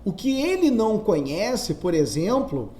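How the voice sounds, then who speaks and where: A male grammar teacher from Brazil explains step by step at an unhurried pace. His intonation rises and falls widely, and he often poses his students' questions himself before answering them. His voice has a warm, mellow color. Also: high-pitched, big pitch swings. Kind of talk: recorded lesson for exam candidates.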